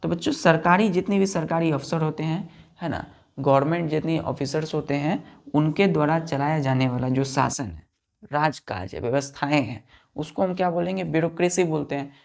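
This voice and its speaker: With vocal fry in a slightly high voice, a man talks at normal speed while teaching English words for an exam. He patiently explains, repeats the key words, spells them out letter by letter and confirms his students are following.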